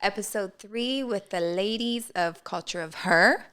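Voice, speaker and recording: A woman co-hosting a podcast in a relaxed, reflective chat, with frequent fillers. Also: medium pitch, unhurried, clean tone. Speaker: podcast co-host. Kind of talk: casual chat.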